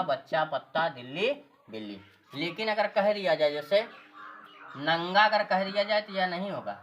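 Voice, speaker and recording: Woman with a low voice running a grammar class, keeps repeating terms and asking then answering herself, bit of faint noise behind. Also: a bit bright. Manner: repeats key terms and answers her own questions. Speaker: Hindi grammar teacher. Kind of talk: classroom-style grammar lesson.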